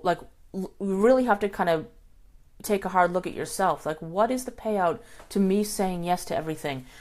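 A middle-aged woman hosting a casual live talk, chatty and relaxed, answering viewer comments with lots of fillers and restarts. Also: on the low side. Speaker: host.

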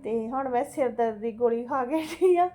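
High-voiced, fretful middle-aged Punjabi woman vlogging. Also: moderate pace, mellow. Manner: fretful and exclamatory, repeats herself, seeks agreement with tag questions. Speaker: home vlogger. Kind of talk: casual chatty storytelling to viewers.

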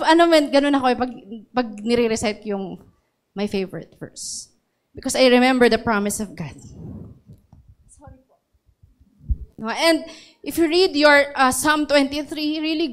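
A woman's voice: high voice, measured pace, pauses often. A woman pastor with a Filipino accent preaching a sermon, calling out to the congregation and getting emotional over scripture. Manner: mixes English into sermon, asks congregation for responses; emotional when reciting scripture.

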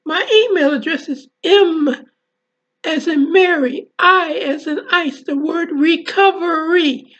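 A woman author reads her childhood memoir aloud and then closes with a presentation. She talks slowly and deliberately in a very high voice, spelling out details letter by letter. The recording is dull and lo-fi. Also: a bit bright. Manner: slow, deliberate, spells words out. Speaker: author and speaker.

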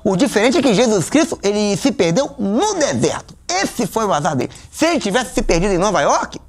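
A rapid, deadpan Brazilian pundit. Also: male voice, sits high, creaky, full character voice. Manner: deadpan absurd pronouncements. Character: self-assured male van-driver film pundit.

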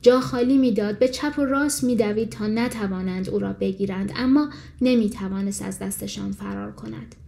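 A woman reading a fairy tale as an audiobook narrator, in calm, measured storytelling. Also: mid-range voice, vocal fry.

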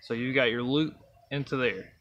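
A man's voice: medium pitch, moderate pace, a bit bright, highs cut off, slight background noise. A young man, casually demonstrating a fishing knot outdoors, counting the steps aloud. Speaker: fishing channel host. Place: outdoors by trees and a truck. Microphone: camera close up, held near face.

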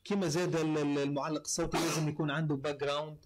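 A quick-speaking man with a Tunisian accent, slightly high in pitch. He talks casually as an interview guest and lays out his points one by one with frequent fillers. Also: level tone. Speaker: voice-over artist, guest.

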